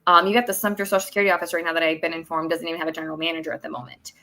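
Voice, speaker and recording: Woman, lower register, talk-show guest, long chatty explanations. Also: little pitch movement, rapid-fire, bright, forceful tone. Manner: explanatory, talks at length with fillers. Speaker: work incentives coordinator guest. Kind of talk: casual chat on a podcast.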